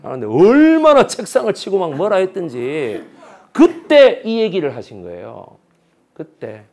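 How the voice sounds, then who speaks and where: A man's voice: high voice, a little slow. A man with a Busan Gyeongsang accent giving a history lecture as a story, acting out the voices of the people he quotes. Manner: animated, acts out quoted voices.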